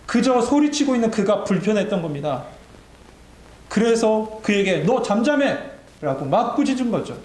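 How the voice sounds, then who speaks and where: A man's voice: high voice, big pitch swings, moderate pace, a little mellow. A male pastor preaching a sermon to his congregation. He exhorts his listeners and builds to emphatic peaks. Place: church sanctuary. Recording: echoey church sanctuary with faint hum.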